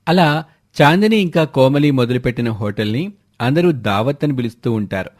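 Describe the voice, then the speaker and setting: A man's voice: mid-range voice, lively intonation, a little fast, darkish tone. A man narrating a folk story in a scripted storyteller's lilt.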